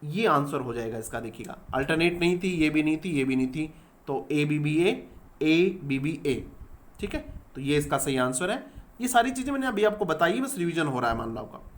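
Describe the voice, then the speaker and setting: A man teaches an online exam-prep class with a slightly high voice. He reads each question slowly in English, then explains in Hindi, asking his students for the answer and repeating key terms until they stick. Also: big pitch swings.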